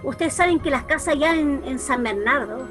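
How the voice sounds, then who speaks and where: A woman with a Chilean accent, a church youth leader, telling a story over a group video call in an animated way, full of restarts and repeats. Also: high voice, normal speed, music in the background.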